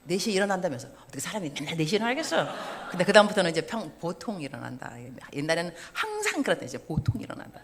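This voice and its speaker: 50대 여성 선교사가 교회 예배에서 농담을 섞어 가며 유쾌하게 설교한다. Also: female voice, lowish voice, racing, hardly any pauses, background noise. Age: 50s. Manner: lively, joking and self-mocking. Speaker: missionary preacher. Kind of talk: sermon. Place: church service.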